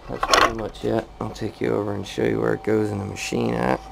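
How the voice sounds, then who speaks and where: A Californian machinist demonstrates a repair indoors in a machine shop, walking through it in a casual, plain-spoken, matter-of-fact, hands-on way. His fairly low voice is quick, with vocal fry and little pitch movement, captured in a noisy amateur workshop recording.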